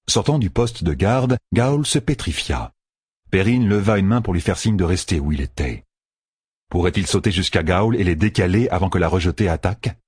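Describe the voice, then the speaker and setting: Deep, husky male audiobook narrator. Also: no echo, clean studio sound. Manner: expressive storytelling. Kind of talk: scripted narration.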